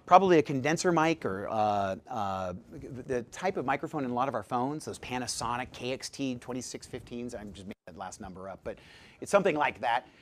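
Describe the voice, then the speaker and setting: A man giving a live seminar talk as presenter, jokey and lively, quizzing his audience with questions. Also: mid-range voice, a little fast. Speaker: presenter at a dental practice seminar.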